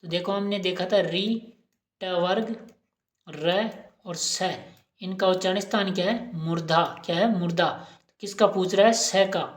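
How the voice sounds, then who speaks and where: A woman's voice: on the low side, unhurried. A woman teacher giving an exam-prep lesson, asking questions and repeating each answer aloud. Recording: roomy echo.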